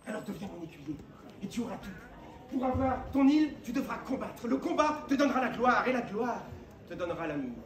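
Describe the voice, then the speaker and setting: A man's voice: very high voice, sing-song, a little fast. A man on stage playing a grandiose, lovesick, fervent knight, declaiming in a hammy theatrical manner. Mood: grand, persuasive. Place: live theatre show, far from mic. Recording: distant, echoey, noisy live performance recording.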